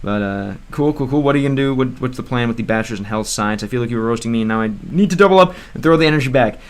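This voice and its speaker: This young American streamer talks fast in a clean, mid-range voice. In casual livestream chat he rambles and stumbles through beginner Russian, hesitating, correcting himself and restarting with many fillers.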